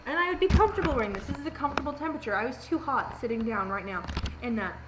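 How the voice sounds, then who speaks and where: A woman's voice: a little high, expressive, racing, noisy background. A young woman talking casually into her laptop, rambling with lots of fillers and acted-out quotes. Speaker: vlogger. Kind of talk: casual confessional vlog. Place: home room, laptop recording. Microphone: laptop webcam mic.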